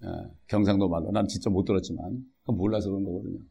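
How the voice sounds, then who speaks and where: Male pastor, low voice, gravelly, animated sermon, rhetorical questions. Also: fast. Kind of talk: sermon with scripture reading.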